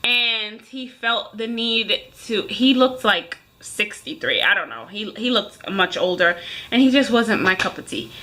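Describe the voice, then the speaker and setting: A woman in her thirties vents to viewers like a vlogger, casual yet emphatic. She speaks a little slowly at medium pitch, with lively intonation and a bright, forceful tone.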